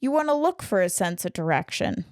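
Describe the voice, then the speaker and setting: A woman co-hosting a relaxed film podcast, talking through ideas with sarcastic asides and frequent laughs. Her voice sits at a middle pitch. It is recorded dry, with little room sound. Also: brisk, no echo. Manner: sarcastic, explanatory, laughs often. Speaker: podcast co-host. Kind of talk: casual film discussion podcast.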